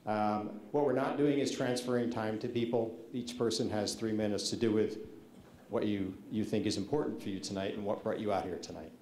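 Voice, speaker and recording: In a large public meeting hall, a man facilitating the meeting lays out the ground rules informally, politely making requests amid lots of ums. His voice is fairly low and darkish, fairly quick, with fairly even intonation. The echoey hall carries faint noise.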